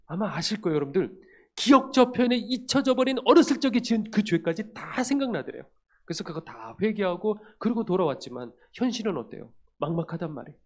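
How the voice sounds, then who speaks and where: A middle-aged man from Korea's region, a pastor, preaching a sermon through personal storytelling that swings between loud and hushed. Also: fairly high pitch. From Gyeongsang region, South Korea.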